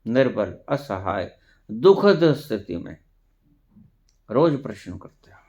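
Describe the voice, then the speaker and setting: A man's voice: lowish voice, sing-song, slow pace, darkish tone. A man giving a spiritual discourse, preaching emphatically with rhetorical questions and dropping in English phrases. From India. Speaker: spiritual teacher.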